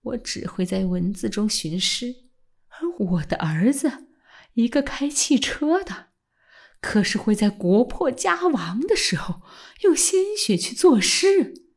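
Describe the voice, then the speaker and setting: A woman voicing an old male scholar with a husky voice, speaking low and hushed, almost whispering, then rising into fierce passion. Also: big pitch swings, slow pace, full character voice. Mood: impassioned.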